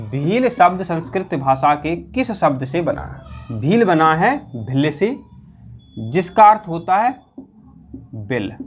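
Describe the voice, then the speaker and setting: Man teaching exam prep, fairly high voice, asks questions and drills the answers. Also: slight background noise. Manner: repeats answers, asks questions aloud, colloquial. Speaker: quiz teacher.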